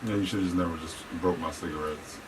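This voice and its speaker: A man in casual chat, blunt and quick, swearing when worked up. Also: sits low, steady tone. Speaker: interviewee, the ex-fiancé. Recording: distant mic with faint background noise.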